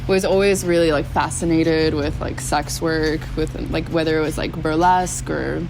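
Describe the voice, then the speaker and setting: A woman's voice: low-pitched, steady tone, moderate pace, creaky, darkish tone, soft background music, low-quality recording. A young woman from the United States speaking as an interview guest, chatty and frank with lots of fillers. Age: young adult. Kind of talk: casual interview chat.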